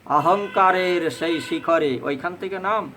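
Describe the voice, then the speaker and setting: A man with a Bengali accent giving a fervent devotional sermon on scripture, addressing the listeners as mothers and breaking into slow chanting. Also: on the high side, sharp tone, a little hiss or hum, rough recording. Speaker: Bhagavata reciter.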